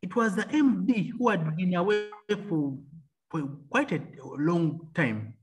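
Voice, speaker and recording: Lively man telling faith stories. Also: sits high, a little slow, soft background music. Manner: animated, laughs often, acts out quoted voices. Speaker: engineer and entrepreneur guest. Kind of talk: faith-filled storytelling interview.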